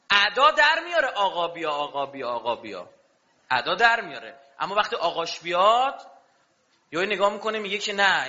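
A man's voice: sits high, bright, forceful tone. A man preaching a sermon with passion, throwing rhetorical questions at his audience. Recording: dull lo-fi recording.

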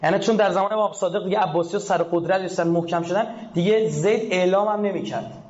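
Impassioned high-voiced male preacher. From Iran. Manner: impassioned, swings from shouted peaks to hushed lows. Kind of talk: religious sermon. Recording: echoey, slightly dull recording.

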